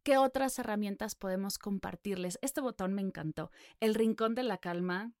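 Female podcast host, mid pitch, affirming, dry close mic. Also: normal speed, a little mellow, no room sound. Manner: affirming, asks follow-up questions. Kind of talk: conversational interview.

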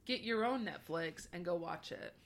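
Woman podcast co-host, wry jokes, animated pitch, casual chat. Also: normal speed, vocal fry. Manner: wry, joking.

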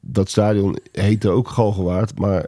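A man with a Dutch accent hosting a casual podcast chat, measured and a little hesitant in delivery. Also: fairly low pitch, flat delivery, warm tone, dry recording, studio quality. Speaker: podcast host.

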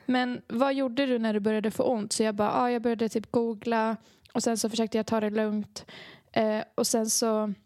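A woman's voice: a little high, little pitch movement, few pauses, a little mellow, dry recording, studio quality. A young woman in casual chat, animatedly telling a story, acting out the dialogue and laughing often. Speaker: podcast co-host, songwriter.

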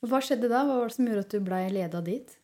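Host: Norwegian woman, fairly high voice, supportive, lots of "mm" and "ja". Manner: warm affirming listener, many short backchannels. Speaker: podcast host. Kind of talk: casual chat.

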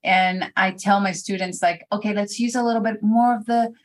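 A woman's voice: mid-range voice, steady tone, moderate pace. A woman hosts an interview, asking open questions and affirming her guest's answers. Her voice sits in a middle range, and she sounds encouraging. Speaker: podcast host. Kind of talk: interview hosting.

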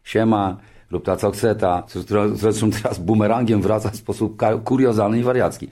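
A television show creator in his sixties tells an anecdote in a lively manner at a normal speed. He frequently restarts sentences and uses filler words, and his voice jumps higher whenever he quotes other people.

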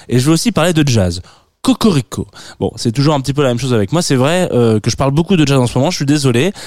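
French guy doing a chatty radio music column, lots of hesitations, warm tone, dry close sound. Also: medium pitch, dry recording. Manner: rambling and playful, with frequent hesitations.

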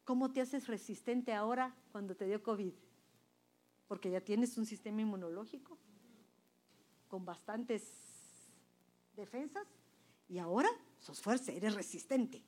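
A woman's voice: medium pitch, unhurried, long pauses. A woman preaching a sermon to a women's church group, emphatic and quizzing her listeners with questions. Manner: emphatic, swings between loud and soft.

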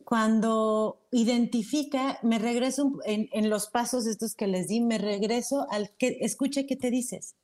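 A woman guest on a talk show, calmly explaining her advice. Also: fairly high pitch, a little slow, few pauses.

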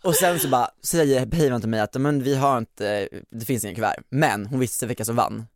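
A woman's voice: a bass voice, no echo, clean studio sound. A woman in her twenties co-hosting a podcast, telling a story casually and acting out what people said. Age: 20s. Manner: animated storytelling, acting out quotes. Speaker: podcast co-host.

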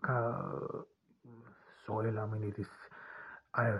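A man from Austria talking alone on his podcast, halting often and repeating words as he restarts his sentences. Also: lowish voice, level tone, slightly rough, highs cut off. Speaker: podcast host and author. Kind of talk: unscripted solo podcast monologue.

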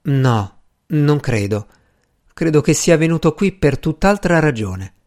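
A man's voice: a little high, expressive, unhurried, darkish tone. A man reading a novel aloud, voicing a weary, distrustful woman who speaks coldly and curtly. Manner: cold, clipped, impatient.

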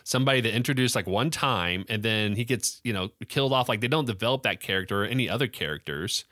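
A man co-hosting a casual podcast, his voice low-pitched but bright and forceful. He laughs often and talks in an animated, chatty way. The sound is dry, with no room in it. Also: fast, no room sound. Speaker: podcast co-host. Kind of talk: casual chat.

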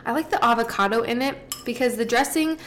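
A woman's voice: on the high side, brisk, a little hiss or hum. A woman co-hosting a podcast, chatting casually and gushing with enthusiasm over food. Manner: warmly enthusiastic, gushing praise. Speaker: podcast co-host. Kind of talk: casual chat while tasting food.

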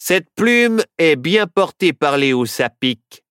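A man's voice: fairly high pitch, sing-song, slow pace, a bit bright, clean tone, no echo, studio quality, voice pushed up, heavily acted. A man voicing a stubborn, suspicious Wild West sheriff in a storybook reading, with a blunt, certain manner. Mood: gruff.

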